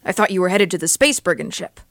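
A woman's voice: lowish voice, lively intonation, fast talker, a bit bright, dry recording. An actress playing a level-headed female space crew member who answers in a matter-of-fact, patient way.

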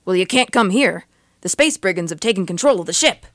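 A woman's voice: mid-range voice, animated, a little fast, a bit bright, no echo, studio quality, lightly acted. An actress playing a level-headed female space crew member who answers in a matter-of-fact, patient way.

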